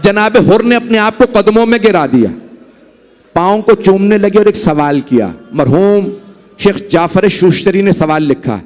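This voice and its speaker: High-voiced dramatic man preaching a mourning sermon. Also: expressive, unhurried, darkish tone, in a large hall. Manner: dramatic, emotional, appeals directly to listeners. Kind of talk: Muharram majlis sermon storytelling. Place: mourning hall gathering.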